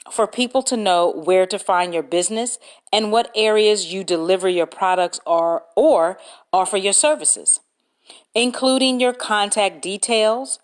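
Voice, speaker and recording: A woman hosts a solo podcast at an unhurried, measured pace. Her voice sits at an ordinary middle pitch, and she works through her tips step by step, spelling out names letter by letter. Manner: slow, deliberate, reads points aloud and spells words out. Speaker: podcast host. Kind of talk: solo podcast talk giving business tips.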